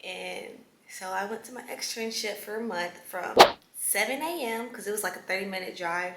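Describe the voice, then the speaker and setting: A young woman in her late teens telling her story in a casual, chatty vlog, animated and prone to whispered asides. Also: mid-range voice, normal speed, heavy background noise. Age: young adult. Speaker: vlogger. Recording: echoey room with faint ambience.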